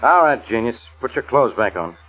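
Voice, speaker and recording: Grumpy, husky police inspector. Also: male voice, medium pitch, expressive, moderate pace. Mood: irritated. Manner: gruff, suspicious, barking orders. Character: grumpy, blustering male police inspector, easily needled. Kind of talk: 1940s radio detective drama acting. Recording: muffled tinny old radio recording.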